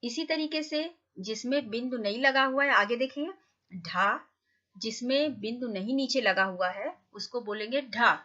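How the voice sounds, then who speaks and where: A woman's voice: a little high, normal speed, hardly any pauses, bright, forceful tone, muffled recording. A woman teaching a Hindi lesson to young children, patiently asking questions and answering them herself.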